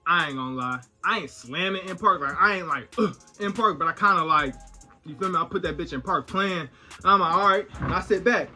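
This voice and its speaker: Bright-voiced young man telling a story. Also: high voice, fairly quick, soft background music. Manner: slangy, animated retelling with voiced quotes. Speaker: vlogger. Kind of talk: casual storytime.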